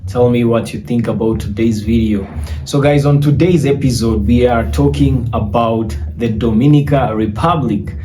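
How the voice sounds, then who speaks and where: Mellow male YouTube host. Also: mid-range voice, faint music behind. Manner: relaxed, with filler pauses. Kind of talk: casual video intro.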